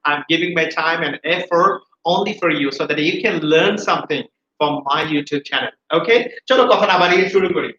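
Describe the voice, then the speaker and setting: A high, bright-voiced man teaches English pronunciation with lively energy, repeating each word for his students to echo back. The recording sounds roomy and a little dull, with faint hiss underneath. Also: takes it slowly. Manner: energetic, repeats words for students to say after him. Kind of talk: classroom-style video lesson, mixing Bengali and English.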